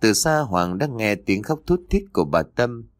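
A man narrating a horror audiobook in a measured storytelling manner. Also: lowish voice, big pitch swings, no echo, studio quality.

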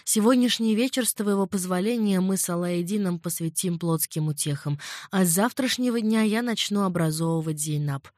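A woman's voice: on the low side, a little fast, a little mellow, dry recording, clean studio sound, lightly acted. A woman reading an audiobook, voicing a confident young male sea captain who speaks in a friendly, assured way.

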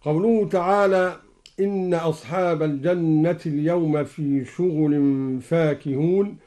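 A man explaining recitation variants in a measured religious lesson on a radio broadcast, speaking slowly and deliberately. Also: a little high, fairly even intonation, mellow. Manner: slow, deliberate explanation between recited verses. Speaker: Quran radio scholar explaining readings. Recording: live broadcast from a Quran radio station.

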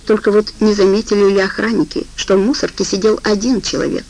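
A woman narrates a detective audiobook in a steady, measured way. Her mid-pitched voice has a gravelly, creaky texture. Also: slight background noise, low-quality recording. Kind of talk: scripted narration.

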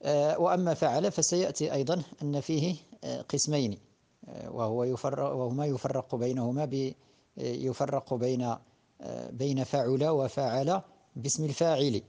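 A man with a Moroccan accent teaching a grammar lesson, patiently repeating word forms and pausing on drawn-out fillers. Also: medium pitch, fairly even intonation, gravelly, dark tone. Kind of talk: classroom-style lesson.

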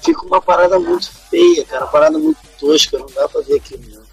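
A man's voice: extremely high pitch, wildly swooping pitch, rapid-fire, vocal fry, soft background music, poor audio. A Brazilian man co-hosting a podcast, complaining emphatically in slangy casual chat. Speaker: podcast co-host.

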